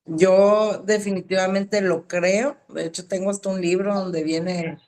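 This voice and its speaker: A woman's voice: medium pitch, steady tone, measured pace, darkish tone. Chatty woman. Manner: chatty, adds tag questions. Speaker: student. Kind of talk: casual chat.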